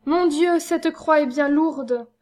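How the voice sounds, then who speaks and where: A woman's voice: sits high, takes it slowly, a little mellow. A woman voicing a young devout nun, fervent and grieving, with a pleading tone. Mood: prayerful.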